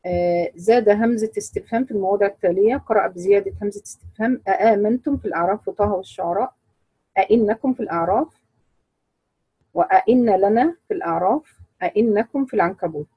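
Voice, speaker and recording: Woman teacher, dry close sound, measured explainer who quizzes the class. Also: medium pitch, mellow, husky, no echo, low-quality recording. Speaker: Quran recitation teacher.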